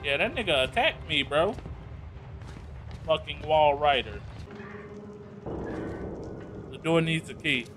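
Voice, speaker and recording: A man's voice: on the high side, very animated, moderate pace, over music. A man commentating a horror game as a hyped gamer bro, slangy and profane. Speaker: gaming video host.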